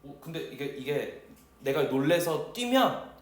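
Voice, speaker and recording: A male teacher tells a story during a lecture in a casual, animated way and acts out the shouts and voices of the people in it. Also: a little high, unhurried. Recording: echoey room with a distant mic.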